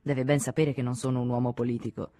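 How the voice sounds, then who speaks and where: A tired, mild-mannered male journalist, amused and polite, as a woman reads his lines. His voice is low and mellow. The recording is dry. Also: flat delivery, quick pace, no room sound. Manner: mild, good-humoured.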